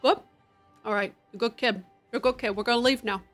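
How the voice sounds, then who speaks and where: A woman's voice: a little high, steady tone, quick pace, a bit bright, soft background music, pitched below the performer's own voice, close to an everyday voice. A woman putting on a swaggering, slangy young tough who bullies and threatens in a mock British street voice.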